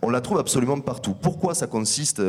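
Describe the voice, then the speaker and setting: Male researcher, measured explanatory delivery, conference talk, long hall echo. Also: medium pitch, animated, breathy edge. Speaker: researcher presenting findings.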